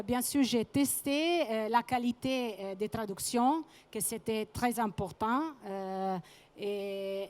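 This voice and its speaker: A woman with a fairly high voice presents a case study to professionals. She is not a native French speaker and has a foreign accent. Her delivery is very slow and halting as she searches for the right term. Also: a little mellow. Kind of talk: business conference presentation.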